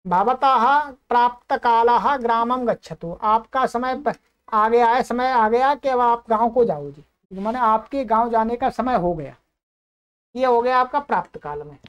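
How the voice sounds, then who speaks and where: A woman with a somewhat high voice teaching a grammar lesson. She poses questions to her listeners and answers them herself. She slows right down when she recites each example. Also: clean tone, lo-fi sound. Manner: slow, drawn-out recitation of Sanskrit examples. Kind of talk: explanatory lesson.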